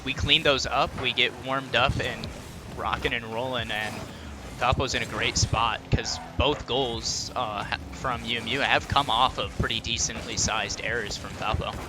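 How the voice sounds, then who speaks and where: A man giving esports color commentary, relaxed analysis with plenty of ums and uhs. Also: medium pitch, normal speed, music in the background. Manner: relaxed analysis with many fillers.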